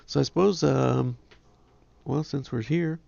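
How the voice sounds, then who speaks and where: Nasal, gravelly-voiced man. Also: medium pitch, a little slow, a little mellow, no echo, muffled recording. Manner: rambling, self-deprecating. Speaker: ham radio livestream host. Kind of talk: casual chat.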